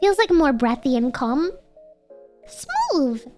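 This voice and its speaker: A young adult woman with a nasal, girlish voice, chatting casually and excitably to livestream viewers in a cute anime-streamer manner. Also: sits high, slow, music in the background. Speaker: VTuber livestreamer.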